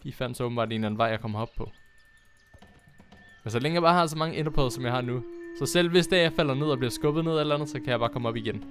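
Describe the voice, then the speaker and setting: A young man chatting casually as he plays a game on his channel, excitable and quick to laugh. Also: mid-range voice, faint music behind. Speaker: gaming YouTuber. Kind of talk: casual Minecraft commentary.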